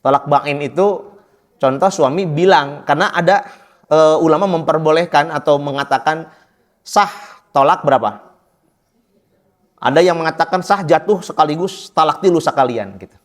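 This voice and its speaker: Man, mosque lesson, slightly high voice, jokes and quizzes listeners. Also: normal speed, pauses often. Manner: joking, asks the audience questions. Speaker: Islamic teacher.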